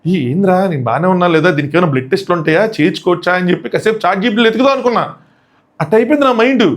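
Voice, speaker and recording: A man hosting a casual comic review, mocking and excitable with slangy asides. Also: high-pitched. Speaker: show reviewer and host.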